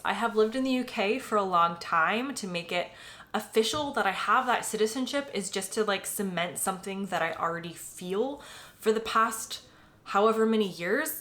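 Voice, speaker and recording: A chatty American woman in her late twenties vlogs to camera in a loose, conversational way. She leans on "um" and "like" as she talks, and her voice sits at a middle pitch for a woman. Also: pushed and bright. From United States. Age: late 20s. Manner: chatty, filler-heavy, often says "like" and "um". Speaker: vlogger. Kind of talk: casual personal vlog.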